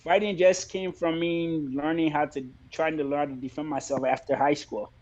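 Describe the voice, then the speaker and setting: A man from Liberia who fights professionally, talking about his career in a relaxed, plainspoken way in a casual interview. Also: a little high, moderate pace, muffled recording. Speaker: MMA fighter, guest.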